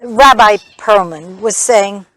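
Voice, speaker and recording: An actress playing a gentle, hesitant older woman in a stage play, stammering softly as she offers comfort. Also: medium pitch, slow pace, no echo, rough recording. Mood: earnest. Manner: hesitant, stammering, soft-spoken.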